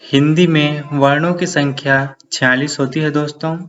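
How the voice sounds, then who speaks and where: A man's voice: fairly high pitch, fairly even intonation, normal speed, fairly bright tone, muffled recording. A man teaching a grammar lesson, repeating each definition and often calling his viewers friends.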